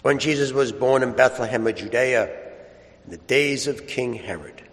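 Priest in a cathedral echo. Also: male voice, mid-range voice, fairly bright tone. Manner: measured, slows and drops at phrase ends. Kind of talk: liturgical gospel reading and homily. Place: large church. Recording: long cathedral-like church reverb.

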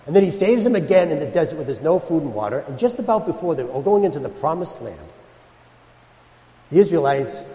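A man's voice: fairly high pitch, a little mellow. A man speaking as a priest at a church service, his voice ringing with cathedral-like echo. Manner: addresses listeners with questions and everyday examples. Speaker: priest reading the Gospel and preaching. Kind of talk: liturgical Gospel reading and homily. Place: large reverberant church, indoors. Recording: echoey church with long cathedral-like reverb.

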